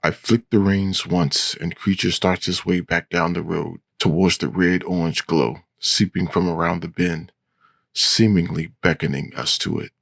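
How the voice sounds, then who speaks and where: A man's voice: low voice, fairly even intonation, measured pace, creaky, fairly bright tone, no echo. A man narrating gothic horror in the voice of an old vampire, formal and courtly. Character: centuries-old male vampire, composed and menacing. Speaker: audiobook narrator.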